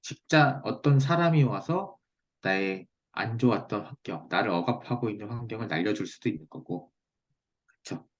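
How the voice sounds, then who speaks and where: Husky male teacher on muffled call. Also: fairly low pitch, animated, normal speed. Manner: checks understanding with short tag questions. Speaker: teacher of Korean saju fortune-telling. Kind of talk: one-on-one online lesson, explanatory talk. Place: online video call. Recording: muffled, lo-fi video call audio.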